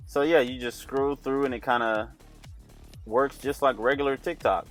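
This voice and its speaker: A man's voice: medium pitch, steady tone, normal speed, faint music behind. A man hosting a tech channel, sitting in a parked car and chatting upbeat as he walks through screen features, thinking aloud. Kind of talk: casual demo walkthrough.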